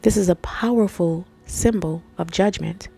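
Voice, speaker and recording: A woman whose nose is stuffy from allergies hosts a Bible channel, casually reading and explaining scripture to viewers she calls family and guys. Her fairly low voice is warm, husky and creaky, at a measured pace. Faint music sits behind her.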